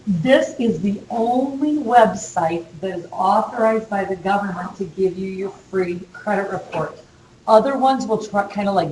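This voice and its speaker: This woman's voice is medium in pitch with a darkish tone. She's a college instructor losing her voice during a casual, chatty classroom lecture, and she uses fillers. The recording picks up an echoey lecture room and a faint hum.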